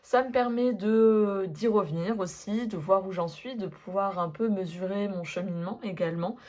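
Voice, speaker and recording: A woman's voice: medium pitch, moderate pace, darkish tone. A woman chatting casually to camera about tarot decks, enthusiastic and full of hesitant fillers. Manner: enthusiastic, gushing. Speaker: tarot vlogger.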